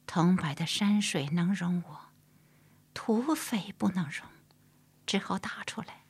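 A proud young outlaw woman, played by a woman narrator speaks plaintively about her wrongs in a husky, breathy voice. She sounds bitter and wounded. It is an audiobook voice recorded dry. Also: lowish voice, lively intonation, slow, no echo, full character voice.

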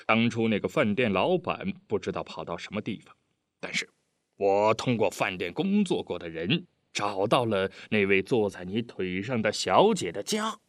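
A man's voice: on the low side, big pitch swings, normal speed, no echo, clean studio sound. A man voicing an eager, earnest middle-aged official who keeps pressing his case in a storybook reading. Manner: earnest, pleading, talkative.

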